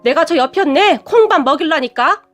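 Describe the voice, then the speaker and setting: A woman voicing a feisty middle-aged mother who shouts and scolds in a story. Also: high-pitched, expressive, normal speed, faint music behind, pitched above the performer's own voice. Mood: yelling. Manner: shouting, bossy, wailing.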